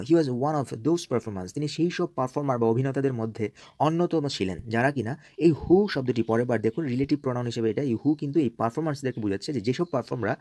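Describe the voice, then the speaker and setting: Soft-toned male language teacher. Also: mid-range voice, dry recording. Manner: slow, deliberate reading of English phrases, repeating key words. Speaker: English teacher. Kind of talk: explaining newspaper English in Bengali.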